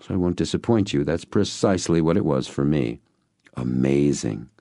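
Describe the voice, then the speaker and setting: A man reading an audiobook in a measured storytelling manner. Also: rumbling low, expressive, warm tone, dry recording, clean studio sound. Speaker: audiobook narrator.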